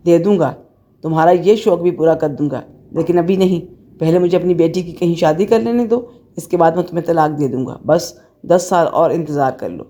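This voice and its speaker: A stern husband in a storybook, cold and curt in his replies, as a woman reader gives him voice. The tone is low and mellow, read in a measured audiobook manner. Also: lightly acted. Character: stern angry husband, man, middle-aged.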